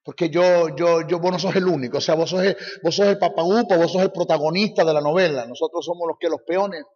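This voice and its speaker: A man preaching a sermon as a Bible teacher, forceful and mocking, hammering his points through repetition, in an echoey hall on a dull, lo-fi recording. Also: fairly high pitch, brisk, slightly rough.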